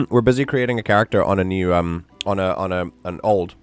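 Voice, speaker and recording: A man's voice: sits low, lively intonation, a little fast, clean tone, soft background music. A man chatting casually as he streams a game, in a rambling, hesitant way. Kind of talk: casual livestream chat.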